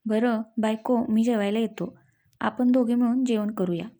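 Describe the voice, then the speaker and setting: A woman's voice: fairly high pitch, fairly even intonation, moderate pace, warm tone, natural voice. A woman voicing an affectionate, teasing young husband in a read-aloud story. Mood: gentle. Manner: playful, coaxing.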